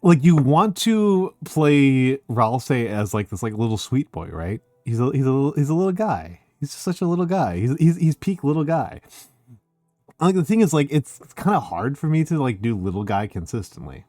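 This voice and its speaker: Animated, rambling man in casual stream chat. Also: medium pitch, normal speed, no echo, studio quality, faint music behind. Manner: excitable, rambling, frequent laughing and filler "like".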